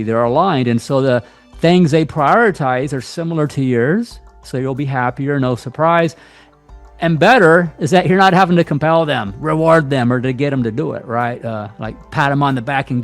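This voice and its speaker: A man of ordinary pitch speaks casually and bluntly, like a counselor chatting to his viewers. He drifts into asides and brief mocking quotes, and soft music sits faintly underneath. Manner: blunt, conversational, mixes in asides and quick mock voices. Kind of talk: casual monologue to camera.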